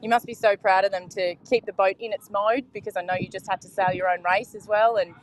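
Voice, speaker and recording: A woman's voice: mid-range voice, steady tone, fast talker, poor audio. A woman hosting live dockside interviews and commentary outdoors on a marina, enthusiastic and chatty. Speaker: sailing reporter and host.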